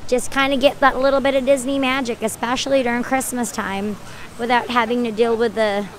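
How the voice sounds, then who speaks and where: A woman's voice: on the high side, flat delivery, a little fast, a little hiss or hum. A young woman chatting casually with viewers on a live stream. She sounds tired, says she is losing her voice, and rambles as she thanks people by name.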